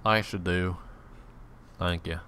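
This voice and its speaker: A man talking to himself as he plays through a game, rambling and joking as he goes, sometimes sliding into a put-on hillbilly drawl. His voice sits low and deep, with a faint hum of noise behind it. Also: steady tone, takes it slowly. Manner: rambling, joking self-talk; slips into mock hillbilly drawl. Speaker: let's play gamer. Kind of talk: casual gameplay commentary.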